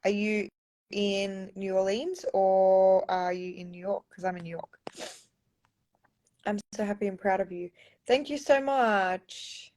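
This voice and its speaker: A woman's voice: mid-range voice, flat delivery, unhurried, long pauses, warm tone. Young Australian woman, casual live Q&A into a phone, talkative and loose. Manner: chatty, reads viewer comments aloud, often says um and like. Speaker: pageant contestant answering fans.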